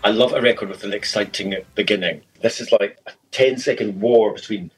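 A man's voice: fairly low pitch, brisk, faint music behind, poor audio. A middle-aged man with a Scottish accent, chatting as a podcast co-host, wry and enthusiastic with dry jokes. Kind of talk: casual chat about pop music.

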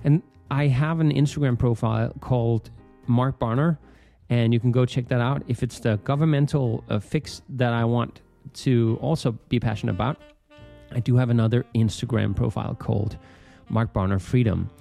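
Soft background music plays as a Danish man with an American-tinged accent rambles playfully and informally on his solo podcast. He has a mid-range, mellow voice with vocal fry, fairly even intonation and a moderate pace.

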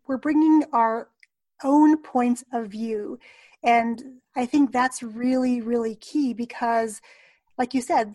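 A woman hosts an interview, building on her guest's ideas in an affirming, reflective way. Her voice sits a little high. The recording is dry and close. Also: a little mellow, no room sound. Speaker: podcast host. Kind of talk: conversational interview.

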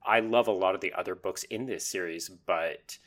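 A man hosting a casual podcast conversation, opinionated and quick to laugh. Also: low-pitched. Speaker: podcast host.

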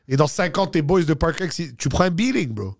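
A man's voice: fairly high pitch, animated, brisk. A man, telling stories as a comedian guest in casual podcast chat, sprinkling English slang.

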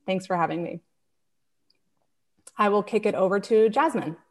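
A woman's voice: mid-range voice, normal speed. A woman introducing herself on a panel in an earnest, reflective way. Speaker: panelist, founder.

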